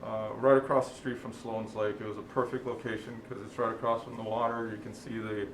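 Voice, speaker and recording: A man's voice: lowish voice, level tone, fairly quick, echoey room, slight background noise, poor audio. A man from Chile, a restaurant owner, chatting in an interview in a friendly, rambling way with many ums and uhs. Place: TV studio.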